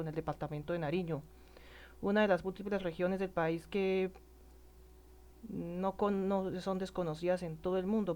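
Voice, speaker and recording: A man from Colombia with a regional Colombian accent, speaking in a personal monologue, halting and stammering with many restarts, earnest and indignant. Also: on the high side, a little mellow. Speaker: citizen speaking about protests.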